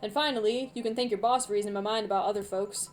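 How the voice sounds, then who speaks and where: A woman voicing a polite, calm male assassin in a story game, speaking low and measured. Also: slight background noise, natural voice, rough recording.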